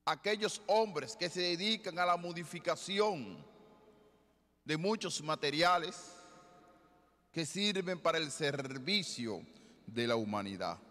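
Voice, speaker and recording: Slow-preaching bishop in a reverberant basilica. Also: male voice, a little high, expressive, pushed and bright. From Dominican Republic. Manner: slow, deliberate preaching with rhetorical questions. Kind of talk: sermon. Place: large basilica with congregation. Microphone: ambo microphone, far camera. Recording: long church reverb.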